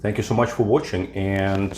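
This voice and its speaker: Low-voiced man hosting a cooking show. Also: a little hiss or hum. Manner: relaxed, halting explanations with fillers. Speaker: cooking channel host. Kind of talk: home cooking tutorial. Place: home kitchen.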